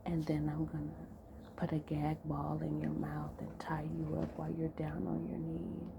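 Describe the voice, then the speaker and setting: A woman voicing a dominant man whispering slow commands to his lover in a whispered role-play. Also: low-pitched, completely flat delivery, creaky. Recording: noisy background.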